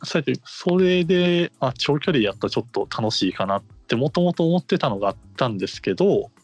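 Lively Kansai-accented man chatting. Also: mid-range voice, brisk, no echo, soft background music. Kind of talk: casual chat.

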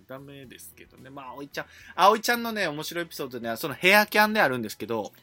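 A man, co-hosting a casual chat, lively and joking. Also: fairly high pitch, racing, faint music behind. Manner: lively, joking, laughs often. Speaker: podcast co-host.

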